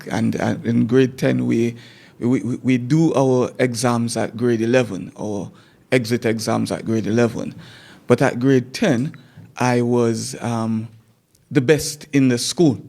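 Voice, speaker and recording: In a steady, creaky, slightly mellow voice of middle pitch, a man in his forties with a Jamaican accent looks back on his schooling. He's a teacher appearing as a guest in a conversational interview, telling it in a measured way and repeating words as he recalls.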